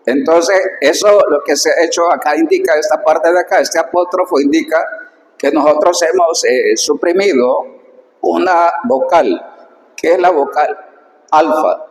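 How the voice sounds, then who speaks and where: A man teaching Biblical Greek pronunciation in a slow recorded lesson, repeating words and stressing the key points. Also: a little high. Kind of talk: recorded lesson explaining slides. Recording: echoey room with long reverb.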